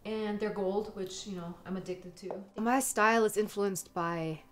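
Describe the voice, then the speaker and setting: Speaking at medium pitch in a steady tone, a bit on the slow side, a young woman from Munich describes her clothes with real enthusiasm. She's a fashion blogger giving a casual wardrobe interview, full of "like" and "you know," recorded in a reverberant room over background music.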